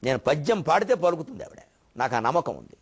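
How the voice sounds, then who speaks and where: A man's voice: a little high, very animated, slightly rough. Indignant older man preaching. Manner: indignant, scolding, rhetorical questions; chants verse slowly. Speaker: spiritual orator. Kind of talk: Telugu religious discourse.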